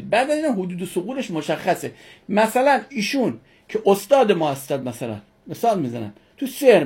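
A woman's voice: a little high, darkish tone, slightly rough. A woman teaching a religion class who asks her students questions and answers them herself, repeating key words for emphasis.

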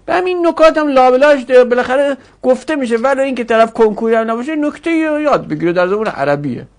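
A man teaching Arabic grammar in a classroom lecture, explaining forms step by step and repeating them slowly for students. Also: very high voice, animated.

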